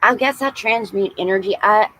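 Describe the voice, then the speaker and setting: A woman in her forties, a tarot reader hosting a casual livestream, chatting warmly with viewers and calling them y'all. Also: mid-range voice, moderate pace, poor audio. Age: 40s.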